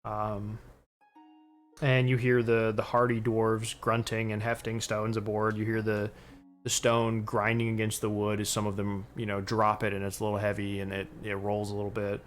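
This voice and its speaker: A man's voice: on the low side, monotone, normal speed, faint music behind. A man narrating a tabletop game as game master, describing scenes with frequent fillers.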